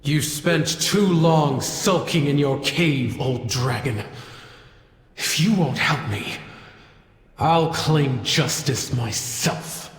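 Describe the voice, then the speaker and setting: A man's voice: medium pitch, slow pace, natural voice. A man voicing a fierce, impatient young dragon warrior in a video game. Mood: defiant, angry. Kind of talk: video game dramatic acting. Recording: echoey reverberant hall.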